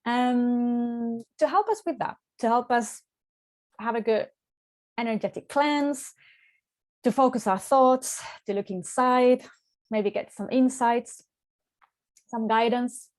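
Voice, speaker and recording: Mellow-voiced woman hosting a reflective workshop. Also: on the high side, takes it slowly, long pauses. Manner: reflective, searching for words, repeats words as she goes. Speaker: workshop host and spiritual coach. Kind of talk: live online workshop talk.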